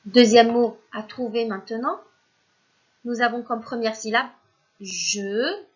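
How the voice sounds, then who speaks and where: Slow, patient woman teacher sounding out syllables. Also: a little high, level tone, lo-fi sound. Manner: speaks directly to the pupils as if they are present, praising them. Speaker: primary school teacher. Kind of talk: recorded remote reading lesson for young children.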